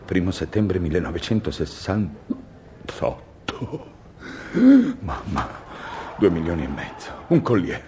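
An exasperated husband. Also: male voice, deep voice, takes it slowly, long pauses, a little hiss or hum. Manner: stammering, forced calm bursting into shouts. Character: husband straining to stay calm, exasperated. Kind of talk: comic radio sketch acting.

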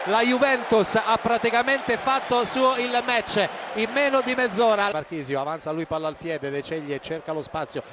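Un uomo che fa la telecronaca di calcio, con chiamate dei gol affannate, urlate e prolungate. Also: male voice, high voice. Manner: breathless, shouted, drawn-out goal calls. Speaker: football commentator. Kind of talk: Italian live goal commentary. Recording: noisy stadium feed with loud crowd. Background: stadium crowd noise.

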